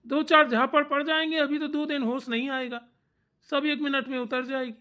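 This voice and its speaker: A woman's voice: sits high, steady tone, moderate pace, sharp tone. A woman voicing an exasperated husband and son in a cartoon comedy, blunt and impatient.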